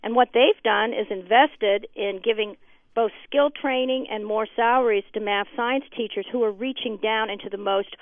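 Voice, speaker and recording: A woman guest on a radio panel, speaking confidently and in a measured way. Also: fairly high pitch. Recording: tinny phone line, dry.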